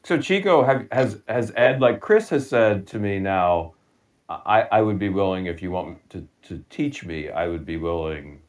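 Slow, hesitant man with a lively voice. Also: sits low. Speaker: guest. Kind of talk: casual chat on a video call.

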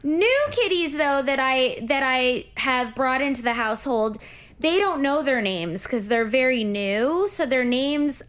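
A woman's voice: high voice, unhurried, clear, resonant tone. A woman who runs a cat rescue, chatting casually and animatedly as co-host. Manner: chatty, animated, puts on playful voices for her cats. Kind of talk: casual chat.

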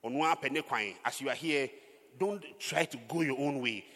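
Male pastor, animated preacher, husky raised voice, long church-hall echo. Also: mid-range voice, moderate pace. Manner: animated preaching with sudden loud outbursts and laughs. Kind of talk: sermon.

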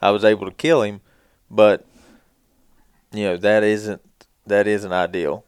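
A man's voice: lowish voice, little pitch movement, measured pace, smooth, dry recording, studio quality. A man telling casual hunting stories in folksy, colloquial speech as a podcast co-host.

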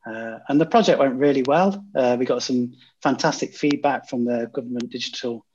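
A man's voice: medium pitch, normal speed, darkish tone, breathy edge. A man guest, a design consultant, telling a project story in a conversational way, with many "uh" fillers and restarts. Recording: dull lo-fi audio.

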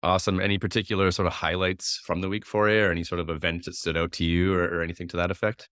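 A man from Winnipeg, Canada, hosting an interview podcast with a hoarse smoker's rasp and a runny nose. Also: deep voice, level tone, fast, a bit bright, no echo, clean studio sound. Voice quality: raspy, like a heavy smoker, from a strained throat. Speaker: podcast host.

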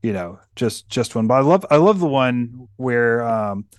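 Slow-talking man, lowish and dry. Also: expressive, no room sound. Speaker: podcast guest. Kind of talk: conversational interview.

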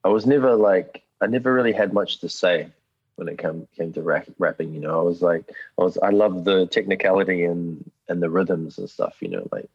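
A man's voice: low-pitched, animated, fairly quick, vocal fry, breathy edge. A man with a New Zealand accent chatting casually as a musician guest, laid-back and slangy, saying bro often, over a video call. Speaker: musician guest, drummer and beatmaker. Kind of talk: casual chat. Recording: dull, roomy video-call audio.

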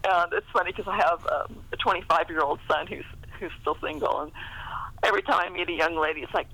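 A middle-aged romance novelist chats casually as an interview guest, chuckling often while she talks. Her voice is lowish, bright, and forceful, she speaks fast, and the recording is low-quality.

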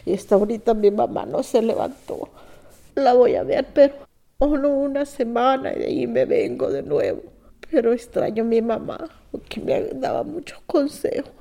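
Gravelly Salvadoran woman in her fifties. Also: a little high, lively intonation. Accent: Salvadoran Spanish. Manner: halting and soft, drops to whispers. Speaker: immigrant English learner. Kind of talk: personal testimony.

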